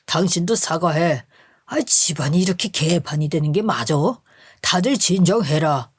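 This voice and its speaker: A performer voicing a flustered older father-in-law who shouts at his son and wife to calm down in a radio story drama. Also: mid-range voice, normal speed, breathy edge, no echo, clean studio sound. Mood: exasperated. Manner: blustering, exasperated.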